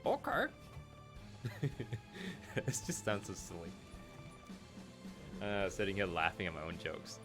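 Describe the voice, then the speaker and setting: A man's voice: low-pitched, steady tone, moderate pace, long pauses. A man chatting casually on a live stream while he plays a game, joking and laughing at his own jokes and scolding his pet, with faint game music behind.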